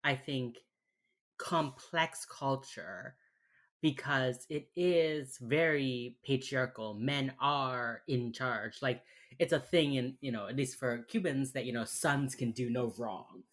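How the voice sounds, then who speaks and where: An American woman with a Miami accent, co-hosting a casual podcast chat in an informal, sweary, halting way. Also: extremely low pitch. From United States. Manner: informal, sweary, halting with many filler phrases. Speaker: podcast co-host.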